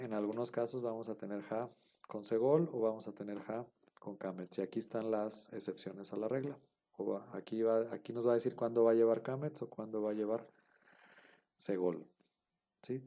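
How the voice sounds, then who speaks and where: Mellow-voiced male teacher, patient lecture delivery. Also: on the low side, steady tone, normal speed. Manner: patient, explains step by step, checks understanding often. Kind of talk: online class lecture.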